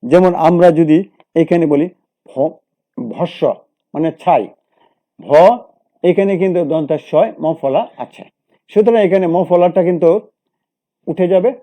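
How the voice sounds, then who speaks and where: A man's voice: high-pitched, a little slow, long pauses, warm tone. A man teaching a grammar lesson, working through rules and examples methodically and correcting himself as he goes.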